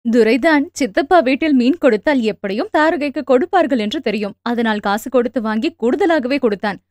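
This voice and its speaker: A woman narrating a novel in a steady storytelling manner. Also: fairly high pitch, brisk, no room sound, clean studio sound. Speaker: audiobook narrator.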